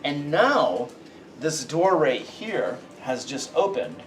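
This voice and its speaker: A man's voice: a little high, big pitch swings, takes it slowly. Man game master in an echoey room. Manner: explanatory, often checking with listeners. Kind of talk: narrating a tabletop game. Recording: echoey room, distant mic, faint noise.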